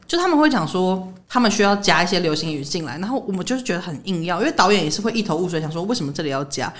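A woman with a Taiwanese Mandarin accent, co-hosting a casual chat in an expressive, reactive and colloquial way. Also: on the low side, rapid-fire.

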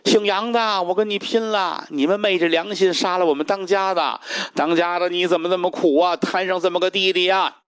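A man's voice: high voice, steady tone, brisk, clean tone. A male storyteller voicing a scheming middle-aged widow who wails and shrieks her demands. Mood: wailing. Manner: wailing then shrieking demands.

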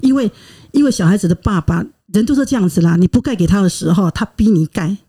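A woman's voice: medium pitch, fast talker, slightly rough. A middle-aged woman, recounting a personal story to a relative in casual chat, rambling and restarting as she goes. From Taiwan. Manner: rambling, animated retelling with restarts. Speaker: guest, host's aunt.

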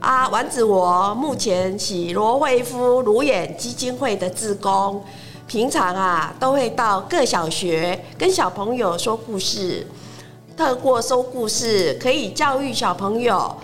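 Unhurried older woman, friendly. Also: mid-range voice, lively intonation, fairly bright tone, faint music behind. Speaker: volunteer storyteller.

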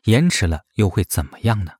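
A man's voice: fairly low pitch, very animated, brisk, a little mellow, husky, dry recording. A man reading a grave, scripted investigative narration, posing suspicious questions.

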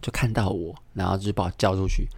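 A young man with a low voice and a Taiwanese Mandarin accent tells a story from his school days in a casual podcast monologue. He jumps into the voices of the people in his story with lively energy. The sound is close and dry, with no room around it. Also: fast, creaky, breathy edge, no echo. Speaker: podcast host.

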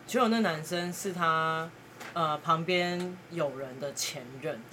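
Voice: mid-range voice, a little slow, sharp tone, a little hiss or hum. A podcast host, chatty and laughing now and then while telling a story in a casual way.

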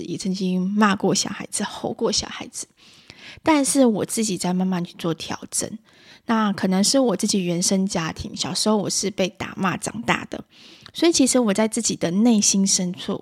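A woman, hosting a podcast in a soft-spoken, chatty way. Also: medium pitch. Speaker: podcast host. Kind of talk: casual podcast monologue.

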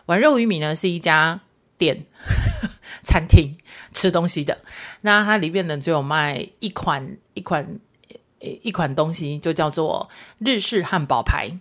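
Chatty Taiwanese woman host, lowish voice. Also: unhurried, fairly bright tone. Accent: Taiwanese Mandarin. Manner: chatty storytelling with Hokkien phrases. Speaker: podcast host. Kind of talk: casual chat monologue.

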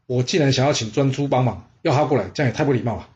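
A man voicing an ambitious prince who speaks in a measured, persuasive way. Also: mid-range voice, darkish tone, lo-fi sound, lightly acted. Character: ambitious male prince, calm and scheming.

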